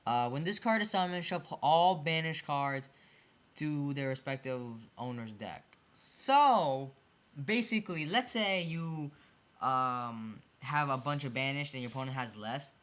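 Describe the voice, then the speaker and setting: Speaking at a measured pace in an expressive, fairly bright medium-pitched voice, a hobby card game video creator casually explains card designs off the cuff. They often repeat and correct themselves, stumble over wording, and apologize for their mistakes.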